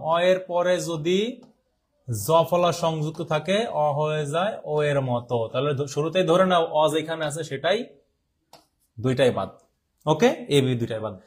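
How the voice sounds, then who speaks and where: A young man from Bangladesh teaching an online exam-prep class, explaining step by step and quizzing his students as he goes. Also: on the high side. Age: young adult. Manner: repeats and drawls words to show how they are said.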